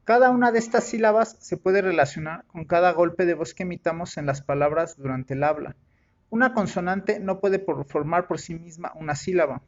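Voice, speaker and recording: High-voiced man explaining a lesson. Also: muffled recording. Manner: methodical, explanatory, occasional slips and self-corrections. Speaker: teacher.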